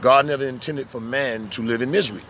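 Animated storytelling man preaching outdoors. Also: medium pitch, fast, a little hiss or hum. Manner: animated storytelling, acting out voices and jokes. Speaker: street preacher. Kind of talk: casual preaching chat. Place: outdoors in the sun.

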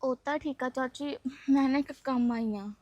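A young woman playing a caring college student who calms her friend and coaxes an elder politely. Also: sits high, normal speed, dry recording, lightly acted. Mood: coaxing. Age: young adult. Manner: soothing, coaxing. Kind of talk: film acting.

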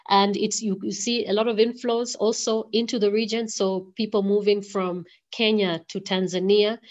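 Hesitant woman lecturing over a dull call. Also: medium pitch. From Zambia. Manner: hesitant, many fillers and restarts. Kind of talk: online lecture. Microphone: video call. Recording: lo-fi video call audio.

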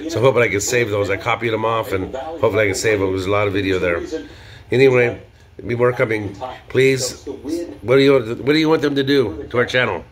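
An older man vlogging in a casual, rambling way, full of ums and restarts. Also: mid-range voice. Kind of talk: casual video diary chat. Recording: busy crowd noise behind.

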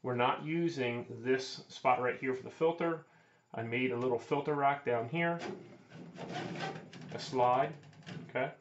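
An HVAC technician who hosts his own channel walks through a hands-on job, first in an indoor utility closet and later outside by a heat pump, filming himself point-of-view on a camera-mounted mic that sounds dull. He's mid-pitched and a little slow, with long pauses and a noisy background. His delivery is plain and explanatory as he points things out.

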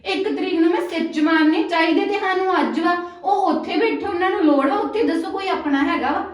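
A high-pitched young married woman with a Punjabi accent, complaining and quick to take offence, played by an actress. She argues over money with her brother's wife. The very echoey room and the distant mic make her sound far off. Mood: angry. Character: young married woman, sister-in-law demanding money, sharp-tongued. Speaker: actor in a family drama.

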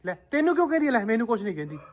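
A woman's voice: on the high side, very animated, rapid-fire. A woman vlogger chatting casually, coaxing and repeating herself and laughing often. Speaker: family vlogger. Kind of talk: casual family vlog chat.

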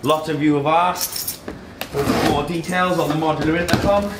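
Here a man in his thirties, voice slightly high, speaks at a moderate pace in a steady tone while hosting a casual tech unboxing. His short phrases come as he handles boxes and products in an office meeting room, and the recording is echoey, with background noise and clatter.

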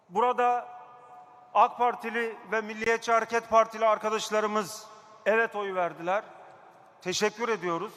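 A man addresses a council from a pulpit microphone, his voice high and sharp-edged. He speaks emphatically and repeats his key phrases for weight. A long reverb trails his words through the hall. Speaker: district mayor. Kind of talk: council chamber speech. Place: council chamber.

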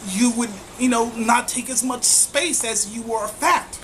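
A woman's voice: fairly high pitch, unhurried, slight background noise, low-quality recording. A woman giving profane, mocking commentary on a video she is reacting to. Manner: crude, profane and scornful.

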